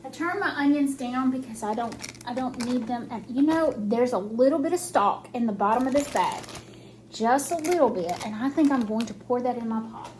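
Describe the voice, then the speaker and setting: A woman's voice: on the high side, animated, moderate pace, a little mellow, slight background noise, low-quality recording. A woman chats casually through a cooking demonstration, her speech slightly impeded by new dental braces, in a folksy step-by-step way. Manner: chatty, folksy, narrating each step as she works. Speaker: home cook hosting a cooking vlog. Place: home kitchen while cooking.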